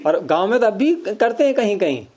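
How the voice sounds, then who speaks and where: A man's voice: high voice, very animated, a little fast, darkish tone. A man teaching Sanskrit grammar in an informal class, explaining patiently with everyday examples.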